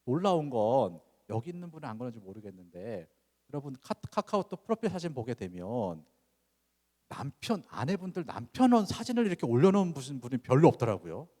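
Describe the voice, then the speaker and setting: A man's voice: medium pitch, sing-song, brisk, mellow. A male pastor delivering a conversational sermon, asking the congregation rhetorical questions and acting out dialogue examples. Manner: acts out parent-child dialogue examples. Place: church sanctuary. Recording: long reverb of a church sanctuary.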